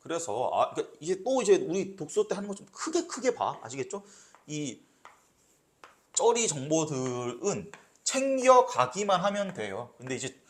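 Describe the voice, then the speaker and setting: A man's voice: fairly high pitch, very animated, normal speed, a bit bright, a little hiss or hum. A man teaching literature for exams, explaining step by step and often checking with "right?". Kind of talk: exam lecture.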